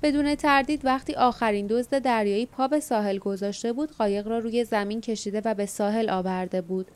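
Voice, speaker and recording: Woman, audiobook narrator, steady measured reading, smooth, a bit high. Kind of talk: scripted narration.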